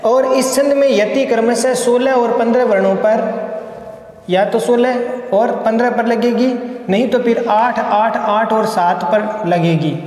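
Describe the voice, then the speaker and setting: A man's voice: extremely high pitch, steady tone, measured pace, darkish tone. A male college lecturer teaching poetry meter, explaining step by step and counting syllables aloud. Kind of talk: recorded Hindi poetry lesson. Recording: echoey room with long reverb.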